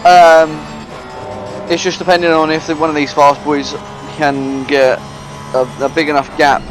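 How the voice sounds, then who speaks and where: A man co-commentating a sim race, hesitant and relaxed, often laughing along. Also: a little high, measured pace, music in the background, low-quality recording.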